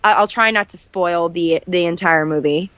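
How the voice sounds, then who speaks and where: A woman's voice: lowish voice, normal speed, fairly bright tone, no room sound. A woman in her twenties, an actress guest chatting candidly in an interview, full of fillers and restarts. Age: 20s. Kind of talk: casual interview chat.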